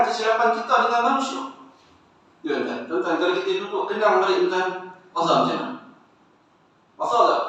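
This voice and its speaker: A man's voice: high-pitched, pushed and bright. A man preaching an evening sermon, often addressing his listeners and asking rhetorical questions. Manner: addresses audience repeatedly, asks rhetorical questions. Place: mosque hall. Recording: echoey hall, distant and dull mic.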